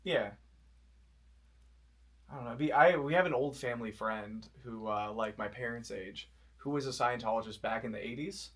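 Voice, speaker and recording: A man's voice: medium pitch, normal speed. A man in his twenties from Florida, a comedian guest in casual chat who asks curious, analytical questions and rambles with many fillers. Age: 20s.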